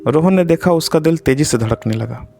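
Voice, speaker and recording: A man telling a scripted horror story in a suspenseful, measured way. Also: on the high side, expressive, gravelly, dark tone, slight background noise.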